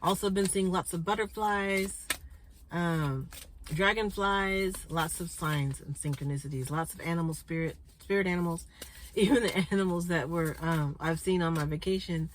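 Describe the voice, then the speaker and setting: A spiritual card reader and channel host gives viewers a casual, chatty card reading in a lowish female voice at normal speed, often checking in with "okay?" She sounds congested, clearing her throat and coughing, and the poor audio carries some hiss or hum.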